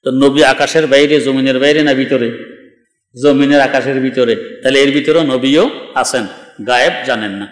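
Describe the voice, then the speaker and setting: Argumentative preacher, echoey hall. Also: male voice, medium pitch, steady tone, moderate pace. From Bangladesh. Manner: emphatic, argumentative, mocking. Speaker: Islamic preacher. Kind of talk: sermon.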